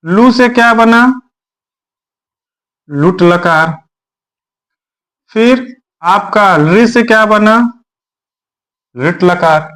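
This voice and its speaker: Slow, high-voiced male teacher. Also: fairly bright tone. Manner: repetitive, drills syllables aloud; clears his throat often. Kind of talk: exam-prep grammar lesson.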